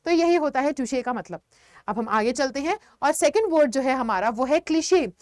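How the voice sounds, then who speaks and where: A woman teacher explaining vocabulary in an online lesson, mixing Hindi with words and giving lively examples. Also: sits high, moderate pace, no room sound, clean studio sound. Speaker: English teacher.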